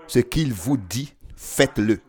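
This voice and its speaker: A man preaching a sermon, emphatic, with a sing-song cadence that swings between loud declarations and hushed asides. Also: mid-range voice, lively intonation, slow pace.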